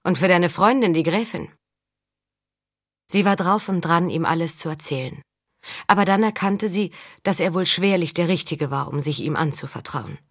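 A woman narrating an audiobook in a calm, measured reading. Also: fairly low pitch, dry recording, clean studio sound. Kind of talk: scripted narration.

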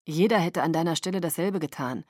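Audiobook casting: woman doing a relaxed, kindly young man, quiet and low, dry read. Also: a little fast, no room sound, natural voice. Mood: reassuring. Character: easygoing, kind young man.

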